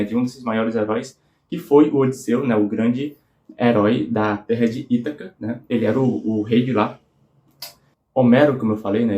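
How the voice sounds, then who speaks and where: A man's voice: mid-range voice, a little mellow. Man chatting in an echoey room. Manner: informal, frequent filler tags, earnest enthusiasm. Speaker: book channel host. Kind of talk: casual book review talk.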